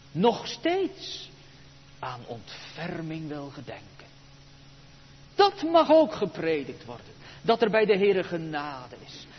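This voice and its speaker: A male pastor preaching a sermon in a church, emphatic and rhetorical, with dramatic pauses. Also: high voice, big-room sound, highs cut off, slight background noise.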